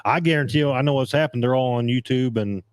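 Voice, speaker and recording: This podcast host talks fast about dirt track racing in a medium-pitched voice that is clear and resonant yet growing a bit scratchy. There's no room sound as he reads out comments, rambling and restarting often in a casual chat.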